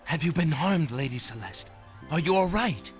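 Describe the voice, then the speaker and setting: A man's voice: fairly high pitch, animated, normal speed, close to an everyday voice. A man playing an earnest, polite young heroic prince in a video game, speaking in a courteous, theatrical way. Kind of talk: video game hero acting. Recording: game audio under music.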